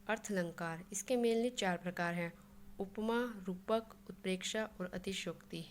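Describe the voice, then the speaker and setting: A woman's voice: medium pitch, slight background noise. A woman explaining a Hindi grammar lesson, working through examples step by step and mixing English words into her Hindi.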